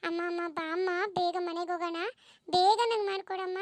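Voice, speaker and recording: A woman voicing an eager, proud young schoolgirl in a family cartoon story, talking in an excited, childlike way. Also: extremely high pitch, brisk, noisy background. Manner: excited, pleading childlike talk.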